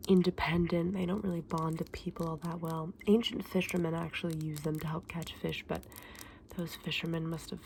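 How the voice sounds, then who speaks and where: In a whispered ASMR roleplay, a woman plays a kindly, chatty saleswoman at a dragon egg shop, addressing her customer gently, hesitantly, and endearingly without hurry. She blends a soft, breathy whisper with low, soft speech edged by crackly fry, over slight background noise.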